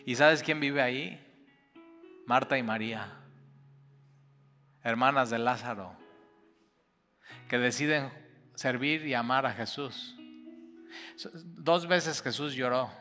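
A man preaching a sermon, impassioned and swinging from loud declarations to hushed, intimate passages. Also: medium pitch, slow, pauses often. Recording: reverberant hall with soft guitar.

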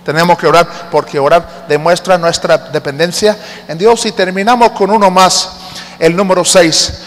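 A man's voice: high voice, fairly even intonation, moderate pace, in a large hall. A man preaching a sermon as an evangelist, emphatic, rising to fervent appeals.

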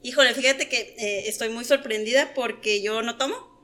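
A Mexican woman from Oaxaca talks easily as a podcast guest, filling her pauses and laughing between stories. Her voice is bright and slightly high. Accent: Mexican Spanish. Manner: chatty, laughs often, many fillers. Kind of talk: casual podcast chat.

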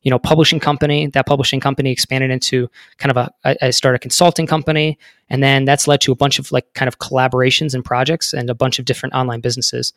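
A man's voice: medium pitch, little pitch movement, fast talker, a bit bright, no room sound, clean studio sound. A man in his thirties telling his story as a podcast guest, rambling with many fillers. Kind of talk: casual interview talk.

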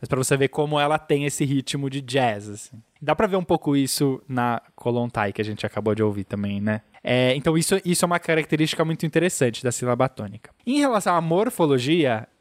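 A man's voice: medium pitch, lively intonation, quick pace, few pauses, no echo. A man with a Brazilian Portuguese accent, a podcast co-host patiently explaining things in casual chat, often adding "né?". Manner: patient explainer, peppers sentences with "né?".

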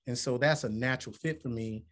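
His voice is mid-range, a bit bright and a little fast: a musician and motivational speaker in his forties from Alabama, United States. Answering interview questions, he's earnest and reflective, building toward emphatic points.

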